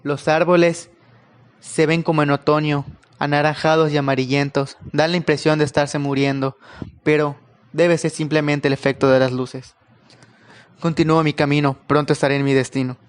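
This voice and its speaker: A man telling a first-person horror story, in a calm, unhurried manner with occasional pauses. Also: fairly high pitch.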